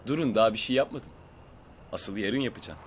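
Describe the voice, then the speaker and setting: A young male actor playing a polite, smooth-talking gentleman in a TV drama. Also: on the low side, expressive, a little fast, a little hiss or hum, close to an everyday voice. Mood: courteous. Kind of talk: TV drama acting. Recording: loud music behind the dialogue.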